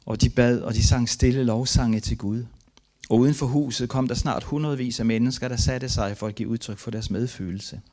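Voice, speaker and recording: A man's voice: medium pitch, fairly even intonation, darkish tone. Grieving man reading his memoir aloud. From Denmark. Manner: earnest, grief-laden, halting reading. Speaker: missionary giving a testimony.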